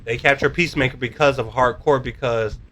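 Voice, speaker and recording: Guy rambling through an episode recap, middle pitch, keeps saying basically. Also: steady tone, fairly quick, sharp tone, slight background noise. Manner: rambling, full of "basically", searches for words. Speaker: co-host of a show review. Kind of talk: casual recap chat.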